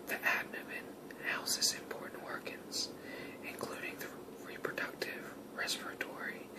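Hushed whispered nature narration. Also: low-quality recording. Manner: whispering throughout, like hushed wildlife watching.

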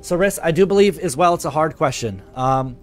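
A man's voice: a little high, expressive, a little fast, soft background music. A man live streaming, chatting casually with his viewers, swearing freely and reading their comments aloud. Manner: loose, profane, reads chat comments aloud.

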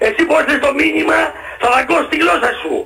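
A man calling in to a radio show, shouting angrily and repeating himself. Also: very high-pitched, vocal fry, faint music behind. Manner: shouting, angry, repetitive. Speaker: radio caller. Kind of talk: heated call-in rant. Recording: tinny phone line.

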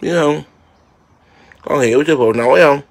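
A man's voice: on the high side, moderate pace, creaky. A man, a Buddhist monk, chatting casually outdoors in his garden and keeps asking his viewers whether they see. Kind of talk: casual home vlog.

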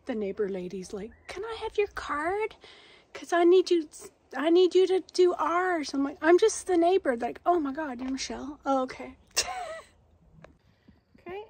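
A woman's voice: high voice, animated, normal speed, darkish tone, a little hiss or hum. A middle-aged woman vlogging in her backyard garden, chatting upbeat as she explains each step to the camera. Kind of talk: casual how-to demonstration.

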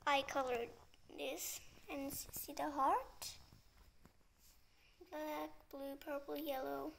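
High, slow-talking woman with a bright voice. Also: fairly even intonation, gravelly. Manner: chatty, often drops to a hushed near-whisper; slow and sleepy. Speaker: vlogger. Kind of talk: casual vlog narration.

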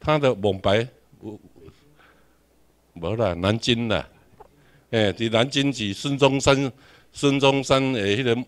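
A man's voice: mid-range voice, slow, long pauses. A man with a Taiwanese accent giving a classroom lecture, questioning the audience and repeating his points.

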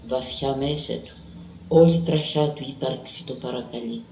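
A man's voice: medium pitch, a little mellow, a little hiss or hum. Man reading a story, distant and roomy. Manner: measured, dramatic storytelling. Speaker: reader. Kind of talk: literary reading.

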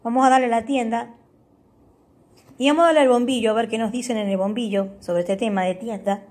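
A woman with a slightly high, husky voice guides viewers through an app tutorial. She explains each step patiently, reads example words aloud, and keeps checking in with a quick "ok?". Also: steady tone, darkish tone. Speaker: tutorial host.

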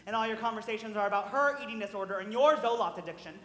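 A woman's voice: medium pitch, very fast, fairly bright tone, close to an everyday voice. A woman playing a lonely middle-aged male theatre fan, confiding in the audience on a live stage. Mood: rueful. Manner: confiding, wistful storyteller asides. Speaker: stage actor. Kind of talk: live stage musical acting. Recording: reverberant theatre hall.

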